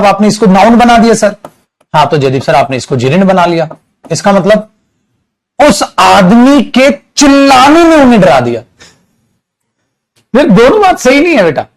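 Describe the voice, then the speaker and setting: A man's voice: high voice, rough recording. A man with an Indian accent teaching English grammar, explaining through repeated examples and acting out small dialogues, addressing students as "beta". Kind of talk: classroom lecture.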